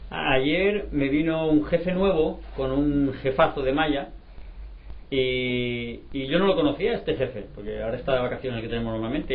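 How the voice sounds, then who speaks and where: A man, a street sweeper, talking in a casual group discussion and telling animated stories, acting out the dialogue. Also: fairly high pitch. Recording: lo-fi recording.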